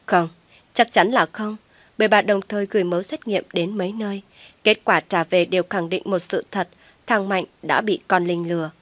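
A woman narrating a dramatic story in a steady, even read. Her voice sits on the low side, and the recording is dry and close, with no room around it. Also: dry recording. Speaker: audiobook narrator.

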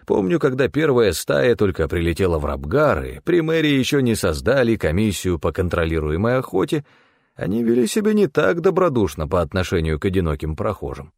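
An anxious old spirit bound in a walking cane, as a man puts him on, fretting and scolding in a raised, agitated voice. A gravelly edge runs through it, recorded close and dry. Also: lowish voice, huge pitch swings, brisk, darkish tone, no echo, full character voice. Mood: reminiscing. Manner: worried, scolding. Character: fussy old male spirit in a cane, protective.

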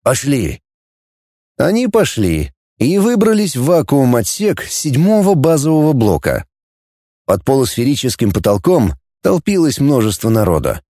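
A man narrating an audiobook in an expressive storytelling manner. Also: medium pitch, moderate pace, no echo, clean studio sound. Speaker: audiobook reader.

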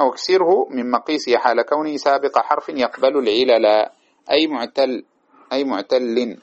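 A man teaching a classical grammar lesson, reciting verse lines and repeating examples slowly to his students. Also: mid-range voice. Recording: dull lo-fi recording.

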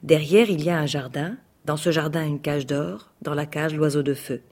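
Fairy-tale grey wolf, wise and gruff, put on by the storyteller, plain storybook reading. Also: mid-range voice, fairly even intonation, normal speed, darkish tone, pitched below the performer's own voice, natural voice. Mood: warning. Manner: stern but kindly, scolding. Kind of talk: read-aloud fairy tale.

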